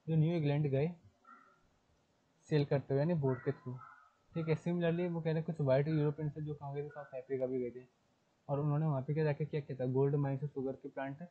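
Husky-voiced male teacher on a tinny line. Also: a little high. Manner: repeats key terms, asks and answers his own questions; reads English text slowly before explaining. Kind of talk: classroom lecture in Hindi mixed with English. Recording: phone-like lo-fi sound.

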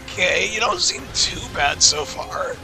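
A man with a hoarse, raspy voice chatting casually and self-deprecatingly as he comments on his own gameplay. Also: sits high, big pitch swings, a little slow, over music. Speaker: gaming video creator.

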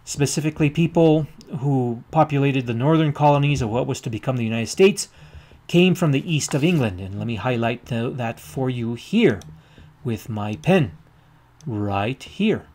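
Halting male lecturer, full of ums. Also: mid-range voice, lively intonation, a little mellow. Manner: halting, many ums and uhs, pointing at a map with a pen. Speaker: geography lecturer. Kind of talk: recorded lecture over maps.

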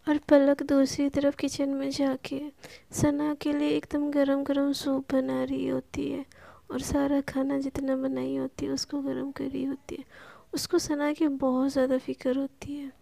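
A woman's voice: high voice, monotone, measured pace, gravelly, dark tone, no room sound. A woman narrating a love story in a casual, chatty way, acting out the characters as she goes.

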